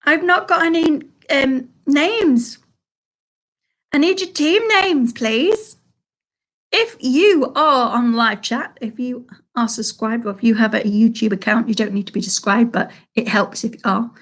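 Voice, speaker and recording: Woman, quiz host, chatty, slow repeated questions, fairly high voice, streaming from home. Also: fairly bright tone. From Salford, England. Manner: chatty, reads questions slowly and repeats them. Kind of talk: live-streamed pub quiz hosting.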